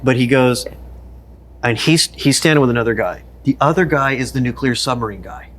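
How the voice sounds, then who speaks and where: A man's voice: mid-range voice, brisk. A man who produces an online car show, chatting casually on a podcast and acting out dialogue in his anecdotes. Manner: relaxed, acts out quoted dialogue in anecdotes.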